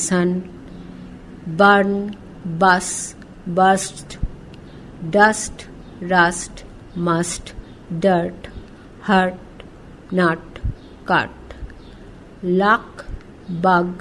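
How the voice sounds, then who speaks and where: A woman's voice: fairly low pitch, level tone, very slow, long pauses, fairly bright tone, a little hiss or hum, poor audio. A woman reading an English textbook aloud, spelling each word letter by letter, then saying it and giving its meaning. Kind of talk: slow spelling and pronunciation drill.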